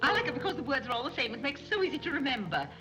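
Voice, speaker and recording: Flighty, high-voiced society matron, screwball banter. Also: female voice, big pitch swings, very fast. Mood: flighty curiosity. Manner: dithering, flighty, rambling. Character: scatterbrained, chattering middle-aged society mother. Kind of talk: 1930s screwball comedy banter. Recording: old 1930s film soundtrack, music behind.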